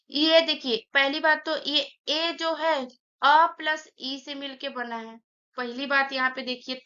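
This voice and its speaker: A woman's voice: high-pitched, sharp tone, highs cut off. A woman teaching an online grammar lesson, saying sounds aloud one by one and explaining each step.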